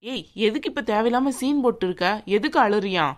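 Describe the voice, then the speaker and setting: A woman voicing a haughty young bride in a cartoon, sharp and sneering as she bosses others around. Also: a little high, expressive, fairly quick, lightly acted. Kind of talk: cartoon voice acting.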